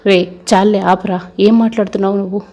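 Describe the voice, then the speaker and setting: Woman reading a defiant family patriarch; steady, flat, unhurried. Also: medium pitch, close to an everyday voice. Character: proud defiant older man, family head.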